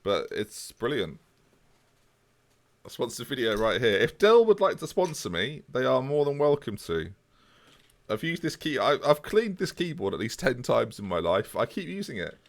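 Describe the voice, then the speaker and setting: A man's voice: mid-range voice, big pitch swings, moderate pace. A man, chatting casually with viewers on a live stream. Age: 20s. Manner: chatty, jokey, answers chat.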